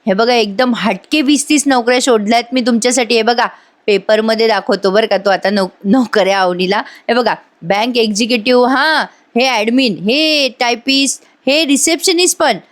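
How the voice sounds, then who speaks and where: A playful young husband as a woman puts him on, upbeat and persuasive. The voice sits a bit high. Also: normal speed, lightly acted.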